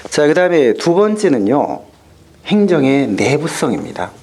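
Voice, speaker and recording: A man's voice: a little high, big pitch swings, moderate pace, a little mellow, a little hiss or hum. A man giving an exam-prep lecture, explaining step by step through worked examples.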